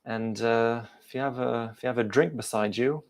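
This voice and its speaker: Speaking at a normal speed with a steady, medium-pitched voice, a thirtysomething car channel host fields viewer questions in a live stream chat. His English accent carries a touch of South African, and he's hesitant, using many fillers.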